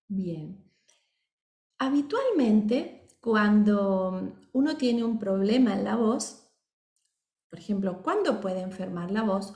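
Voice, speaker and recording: A woman's voice: medium pitch, darkish tone. Woman teaching in a roomy space. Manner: keeps checking in with the audience; explanatory, acts out example voices. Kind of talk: course lecture. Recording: roomy reverberant sound.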